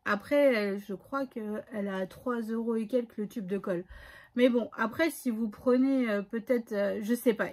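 A woman with a son, chatting casually and hesitantly through a scrapbooking haul with many fillers. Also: a little high. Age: adult, has a son. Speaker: scrapbooking vlogger.

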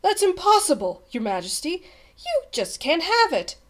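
A woman's voice: fairly high pitch, big pitch swings, normal speed, darkish tone. A woman voicing an earnest young page boy in a storybook, polite and deferential but anxious and frank. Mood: astonished. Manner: deferential, pleading, gasping. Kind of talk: storybook character voice.

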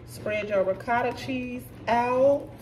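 A fairly high-voiced woman talks viewers through a home recipe in a chatty, loose way, a little tipsy. She sits back from a camera across the kitchen counter, with clear room noise underneath. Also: slow, a little mellow, recorded from a distance. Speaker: vlogger cooking at home. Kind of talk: casual cooking walkthrough. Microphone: camera set back at counter.

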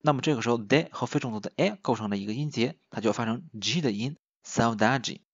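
A man teaching a recorded language lesson in a chatty way, asking his listeners questions and slowly repeating each example word. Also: mid-range voice, slightly rough, no echo. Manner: slow, drawn-out repetition of example words. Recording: dull, dry voice-over.

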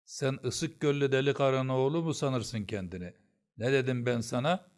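A man voicing a stern, quick-tempered old male tutor who shouts and scolds. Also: mid-range voice, animated, pitched above the performer's own voice, lightly acted. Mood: scolding.

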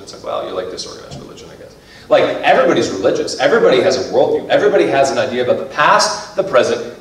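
A man's voice: mid-range voice, very echoey, distant mic, poor audio. A man preaching a sermon as pastor of a church, talking in a conversational way and acting out everyday voices. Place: church sanctuary.

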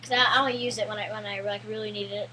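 Rambling teen gamer, bright voice. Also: female voice, medium pitch, fairly even intonation, very fast, a little hiss or hum, rough recording. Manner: rambling, jokey, lots of "like" and restarts. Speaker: gameplay commentator. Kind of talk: casual gameplay commentary.

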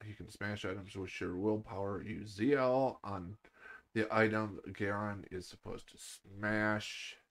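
A man's voice: on the low side, steady tone, a little slow, fairly bright tone. A middle-aged man hosting a gaming show, giving goofy, jokey let's-play commentary and reading on-screen text aloud.

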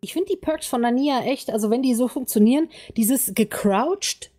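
A woman's voice: fairly high pitch, moderate pace. A woman chatting casually and giggling while playing an online game with friends. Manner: chatty, giggly, lively storytelling. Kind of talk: casual let's-play chat.

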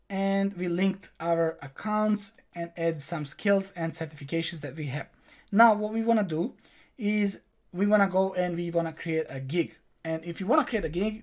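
Seated at a desk in a small room, this online tutorial host, a young native Croatian speaker with a high voice, records his screen. His delivery is direct and instructional, narrating each click for viewers.

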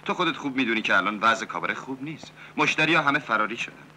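A man playing a scheming, smooth-talking cabaret owner in a dubbed 1970s film. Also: mid-range voice, lively intonation, bright, forceful tone, a little hiss or hum.

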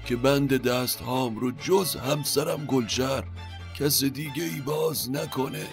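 A man voicing a captured old general who recounts his defeat in a high, strained, drawn-out lament. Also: vocal fry, over music, lightly acted. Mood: aggrieved. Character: captured old male general, bound and humiliated. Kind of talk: storytelling from an epic.

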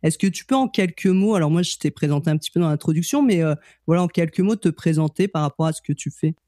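High-voiced man hosting a podcast. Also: fast, dark tone, dry recording, clean studio sound. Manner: friendly, with frequent filler sounds. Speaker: podcast host. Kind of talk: casual interview chat.

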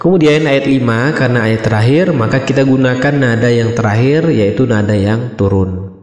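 A man hosting a recitation lesson, explaining the steps calmly and clearly. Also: mid-range voice, moderate pace. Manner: calm, step-by-step explaining. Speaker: channel host and recitation teacher. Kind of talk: instructional explanation. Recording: echoey room with long reverb.

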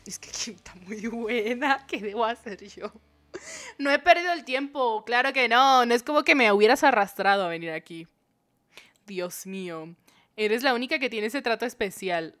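Chatty woman streamer, slightly high. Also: lively intonation, moderate pace, fairly bright tone, dry recording. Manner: reads game dialogue aloud and reacts with jokes to chat. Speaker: streamer playing a dating game. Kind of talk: live game commentary.

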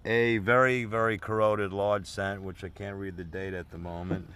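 A man, a metal detectorist, speaking in an unhurried, hesitant way in a documentary interview. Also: lowish voice, flat delivery, a bit bright, smooth.

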